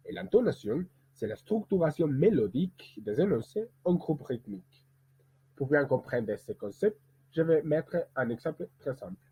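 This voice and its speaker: Husky male teacher on a tinny line. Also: a little high. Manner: explanatory, sing-song examples with rhythmic syllables. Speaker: music teacher explaining French prosody. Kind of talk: spoken lesson. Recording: phone-like, husky sound.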